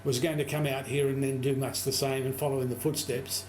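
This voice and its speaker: A man's voice: medium pitch, level tone, fairly quick, darkish tone, a little hiss or hum. A man explaining historical detail in a lecturing conversational way. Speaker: guest researcher.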